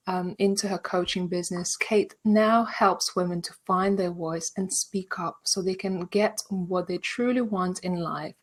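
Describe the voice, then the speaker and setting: Woman, workshop host, reads prepared intro, friendly, middle pitch. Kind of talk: hosting an online workshop.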